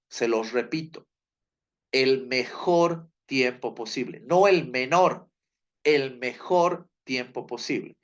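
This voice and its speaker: A man's voice: on the high side, muffled recording. A man giving a classroom lecture, telling a story and acting out the people in it, repeating his key points. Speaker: teacher.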